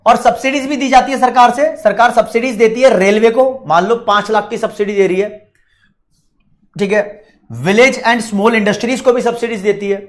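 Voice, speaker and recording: A man's voice: very high voice, steady tone, moderate pace. A man with an Indian accent teaching an online exam-prep lecture, chatty and repetitive, talking straight to his students. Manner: chatty, repetitive, mixes English terms into Hindi; addresses students directly, reads their questions.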